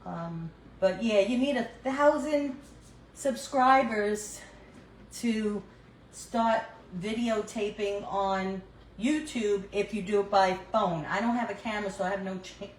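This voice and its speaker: A woman's voice: medium pitch, takes it slowly, roomy sound, a little hiss or hum, poor audio. An older woman with a New York accent, chatting casually with her viewers while cooking in her kitchen, recorded on a phone. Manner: chatty, answers viewers as she cooks. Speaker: cooking livestream host. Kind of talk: casual live cooking chat. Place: home kitchen.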